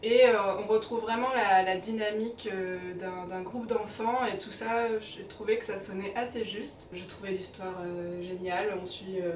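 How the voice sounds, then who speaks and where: A woman's voice: mid-range voice, far from the mic. A woman guest chatting casually about a film, hesitant and searching for words. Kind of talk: casual chat. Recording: roomy, off-mic, faint noise.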